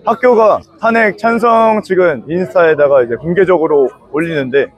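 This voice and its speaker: A man's voice: fairly high pitch, normal speed. A young man answering interview questions as a student, choosing his words carefully. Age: young adult. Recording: dull, band-limited interview audio.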